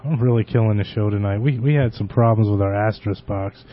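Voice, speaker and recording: Male podcast host, slightly low pitch, halting casual rambling, muffled lo-fi audio. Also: slight background noise. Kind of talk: unscripted casual show talk. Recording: dull lo-fi internet radio audio.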